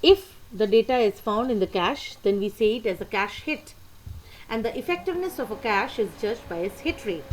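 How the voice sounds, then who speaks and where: A woman's voice: mid-range voice, lively intonation, normal speed, slight background noise, poor audio. A woman, teaching a computer lesson and patiently repeating the key points. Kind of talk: lecture explaining slides.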